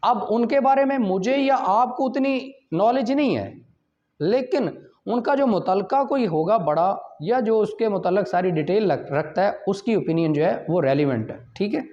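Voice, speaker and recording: Lo-fi, dull audio carries a high, darkish male voice with a Pakistani accent teaching law. He explains things point by point like a classroom lecturer, moving between Urdu and English, using English terms and asking brief check-in questions.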